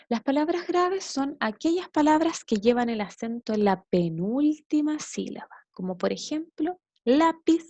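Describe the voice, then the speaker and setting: A woman's voice: fairly high pitch, darkish tone, no echo. A woman teacher with a Chilean Spanish accent, explaining a grammar lesson and checking understanding with short tag questions. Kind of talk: recorded classroom lesson.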